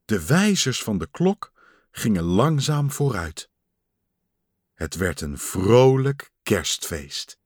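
A man reading a children's storybook aloud, slow and expressive. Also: fairly low pitch, husky, no echo, clean studio sound. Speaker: storybook reader.

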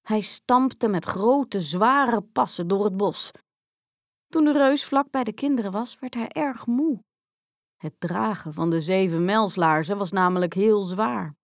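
A woman narrating a children's fairy tale in a slow, expressive storytelling manner, recorded dry and close. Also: medium pitch, no echo.

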